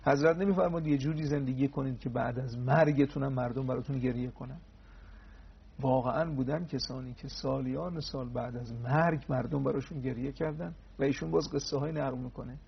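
A man's voice: mid-range voice, fairly even intonation, vocal fry, husky, lo-fi sound. A man giving a religious talk on a TV program. He tells old stories, acts out the dialogue, and adds pious honorifics along the way.

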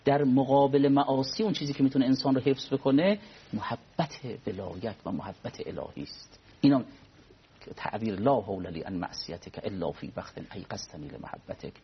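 A man speaking as a cleric guest on a religious talk program, explaining in a measured way and quoting Arabic prayers. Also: mid-range voice, slightly rough, lo-fi sound. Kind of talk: religious discussion.

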